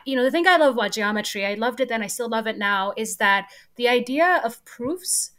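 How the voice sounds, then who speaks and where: A young woman from Ethiopia speaks as an interview guest, animated and quick to laugh. Her voice sits a little high for a woman and stays friendly and open. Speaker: guest, computer scientist. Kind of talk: casual interview talk.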